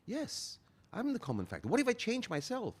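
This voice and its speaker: A man, talking earnestly as a guest and slowing down to stress his key phrases. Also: high-pitched, huge pitch swings, breathy edge. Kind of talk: motivational interview talk.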